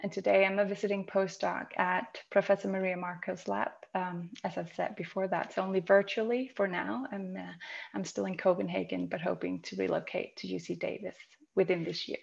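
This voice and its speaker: A woman in her thirties from Greenland, a microbiology researcher, giving a measured, explanatory online presentation over a video call. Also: medium pitch, level tone, creaky, lo-fi sound. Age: 30s. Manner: measured, explanatory, occasional ums.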